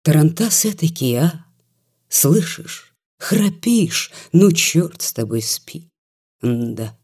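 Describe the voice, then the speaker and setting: A reader voicing a drunk, despairing male country doctor who slurs and swings between self-pity and shouting, slow and husky. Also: mid-range voice, very animated, heavily acted. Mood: drunken taunting.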